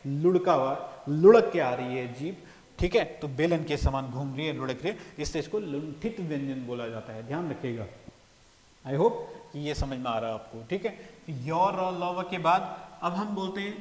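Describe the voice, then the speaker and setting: A man's voice: on the high side, animated, normal speed, a little mellow. A man teaching a lesson on a board, explaining step by step and often checking in with his listeners. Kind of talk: classroom lecture. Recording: echoey room, long reverb.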